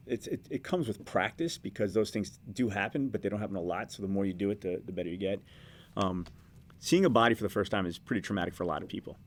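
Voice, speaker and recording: A middle-aged man, a news director, giving casual advice to students, quick and conversational with frequent restarts. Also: lowish voice.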